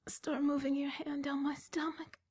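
Breathy whispering woman, high voice. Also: level tone, moderate pace, darkish tone. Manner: breathy whispering broken by moans. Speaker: erotic audio performer. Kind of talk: whispered erotic roleplay.

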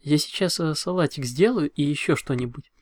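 A man's voice: fairly high pitch, brisk, no echo, natural voice. A man voicing a kind, eager young female unicorn in an audiobook. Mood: cheerful. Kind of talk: audiobook reading.

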